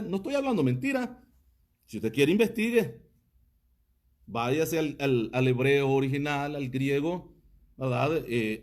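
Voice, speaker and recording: A man's voice: fairly high pitch, a little mellow. A man, a pastor giving a livestreamed teaching sermon, reading viewer comments and asking his audience one rhetorical question after another.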